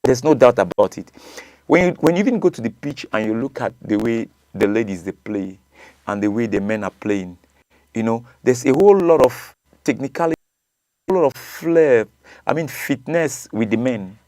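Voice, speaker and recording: A man's voice: medium pitch, normal speed, mellow, dry recording, clean studio sound. A man with a Nigerian accent, a coach, arguing his point in a casual debate, repeating words and laughing often. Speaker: coach and show guest.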